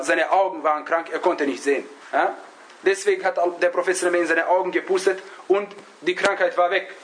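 High-voiced man teaching, halting delivery. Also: a bit bright, poor audio. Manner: halting, searches for words, often adds a questioning "ja?". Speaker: religious teacher. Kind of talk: religious lesson, storytelling to a class.

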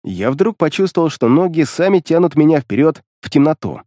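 Expressive male audiobook narrator. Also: on the high side, fairly quick, studio quality. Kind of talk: first-person fantasy narration. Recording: long reverb.

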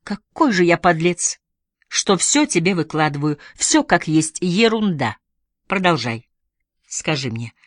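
A woman reading an audiobook, voicing a hesitant, guilt-ridden young man in a low, muted voice. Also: sing-song, unhurried, no room sound, clean studio sound. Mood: confessing.

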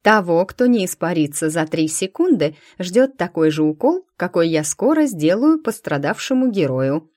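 A woman's voice: medium pitch, animated, moderate pace, few pauses, lightly acted. A woman doing a bossy, friendly hospital doctor. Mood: stern. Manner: warm and teasing, turns stern and commanding.

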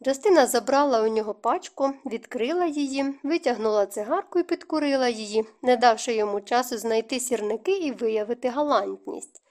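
A woman reads a novel aloud in a measured, even storytelling manner. Her voice sits fairly high, and she sounds like a typical audiobook narrator. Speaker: audiobook reader.

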